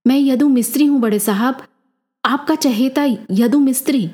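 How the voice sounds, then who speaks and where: A woman's voice: high-pitched, moderate pace, voice pushed up, natural voice. Woman doing a desperate male mason, raised strained voice, insistent, storybook narration. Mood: pleading. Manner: pleading then defiant shouting. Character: desperate proud male mason, middle-aged.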